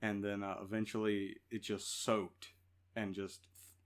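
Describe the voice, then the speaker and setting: A man's voice: on the low side, monotone, a little slow. A man co-hosting a podcast in casual chat, joking, laughing often and rambling with fillers. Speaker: podcast co-host.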